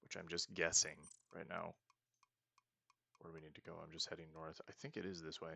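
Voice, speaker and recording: A young let's-play host chats casually about the roleplaying game he's playing, thinking aloud and poking fun at his own mistakes. His low voice holds a level tone and runs a little fast, with vocal fry and a bright, forceful quality. The recording is dry.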